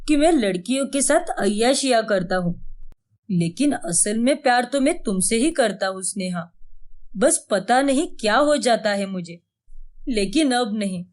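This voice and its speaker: A woman's voice: a little high, expressive, a little slow, voice pushed down. Woman voicing a jealous young husband. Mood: pleading. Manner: pleading, repeated apologies. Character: jealous young husband, accusing then pleading.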